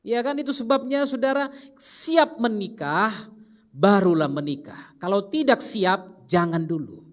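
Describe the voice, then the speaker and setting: Lively man preaching a Bible study. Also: high voice, a little slow. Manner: lively, humorous, acts out quotes. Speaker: pastor.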